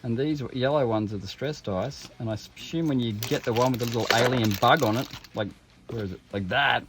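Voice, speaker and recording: Talking over music, a tabletop game unboxing host delivers casual commentary, breaking off mid-thought and tossing in jokes. His voice is mid-range and fairly quick.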